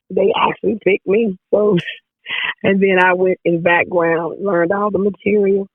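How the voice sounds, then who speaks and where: A woman singer with a hoarse, raspy voice, chatting casually as an interview guest and laughing often. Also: on the low side, dry recording. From Jackson, Tennessee area, US South. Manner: laughs often, repeats herself. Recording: dry phone-like line.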